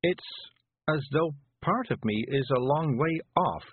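A man's voice: fairly high pitch, animated, a little slow, slightly rough, pitched above the performer's own voice. A man voicing a dazed, weary older woman witch who speaks faintly and dreamily. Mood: dreamy. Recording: dry tinny phone-like sound.

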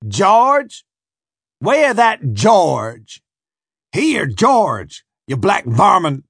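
Man doing a loud brash overseer. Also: on the high side, big pitch swings, a little slow, dry recording, studio quality, voice pushed up, heavily acted. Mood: hollering. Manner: brash, hollering, rough dialect.

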